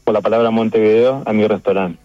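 A middle-aged man with a Uruguayan accent, a chef talking about his restaurant's award in a phone interview, halting and emotional, with many restarts. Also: on the low side, fairly even intonation, slight background noise. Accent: Uruguayan Spanish. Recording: dull phone line.

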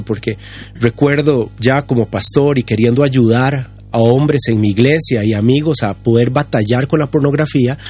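A husky-voiced man speaks earnestly and at a halting pace, restarting his phrases often. His voice sits at an ordinary pitch, and soft music plays faintly under it. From Costa Rica. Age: 50s. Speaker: pastor and guest. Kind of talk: candid testimony on a podcast.

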